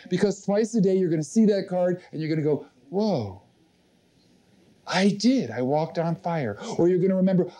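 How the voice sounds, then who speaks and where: Male seminar leader, dark and mellow, slightly high-pitched, slow emphatic delivery that repeats the key lines. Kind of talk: live motivational seminar instruction.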